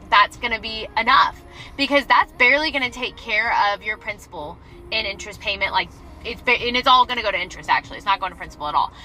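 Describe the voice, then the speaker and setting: A woman's voice: on the high side, pushed and bright, poor audio. A young woman giving a blunt, candid explainer in a casual vlog, swearing freely. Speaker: social media poster.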